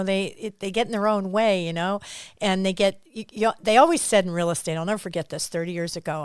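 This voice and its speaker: A woman's voice: mid-range voice, no echo, clean studio sound. A middle-aged woman, a real estate agent and coach, chatting in an interview, rambling into asides and laughing often. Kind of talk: casual interview chat.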